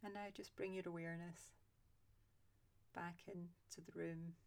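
A woman guiding a loving-kindness meditation, speaking slowly and softly with long pauses. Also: fairly low pitch. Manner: slow, soft and calm with long pauses. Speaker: meditation guide.

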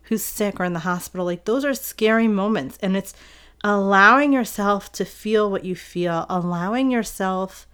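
A woman's voice: medium pitch, moderate pace, fairly bright tone, clean tone. A young adult woman and mother, speaking in an earnest, reflective way, with many fillers and restarts. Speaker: parent sharing a personal story. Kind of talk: heartfelt personal monologue.

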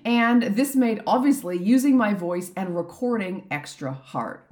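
Croaky, earnest woman podcast host. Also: mid-range voice, expressive, unhurried, a little mellow. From Canada. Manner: earnest, heartfelt, openly emotional. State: slightly croaky from a throat infection. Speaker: business and life coach, podcast host. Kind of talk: reflective solo podcast monologue.

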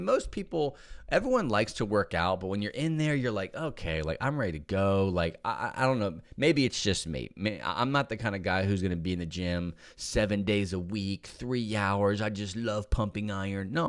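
A man hosting a podcast, talking listeners through exercise for back pain in a casual, conversational way, repeating words for emphasis and checking in with "okay?". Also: fairly low pitch. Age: adult with young kids. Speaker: podcast host and back-pain fitness coach. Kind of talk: casual instructional podcast monologue.

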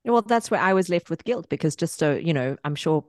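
A woman's voice: fairly low pitch, expressive, brisk, no echo, studio quality. A woman co-hosting a casual podcast, telling stories about her child in a candid, self-deprecating way. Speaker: podcast co-host; mother of a three-year-old.

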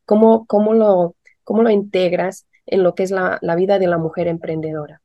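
A woman's voice: on the low side, fairly even intonation, normal speed, no room sound, highs cut off. A woman hosts a podcast in a voice stuffed up by a head cold. The recording is close and dry, and she speaks in an upbeat presenting style. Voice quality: congested stuffy nose from a cold. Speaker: podcast host. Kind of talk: upbeat podcast introduction and interviewing.

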